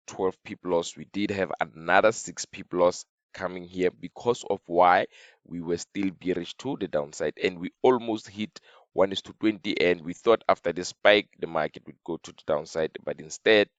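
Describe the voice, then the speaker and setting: Deep-voiced guy walking thru his trades, voice a bit off, dry close mic, keeps repeating himself. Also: no echo, lo-fi sound. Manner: repetitive, halting, talks while drawing on chart. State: slightly off voice. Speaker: trading signal educator. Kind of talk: screen-share trading lesson.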